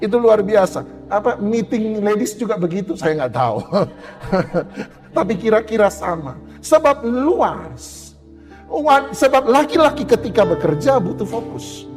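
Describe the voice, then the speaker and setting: Give me a man preaching a playful sermon in a lively, swooping voice, in an echoing hall. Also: sits high, a little slow, soft background music. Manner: joking and animated, acts out little quoted exchanges. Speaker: pastor. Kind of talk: humorous sermon to a women's gathering. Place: church hall.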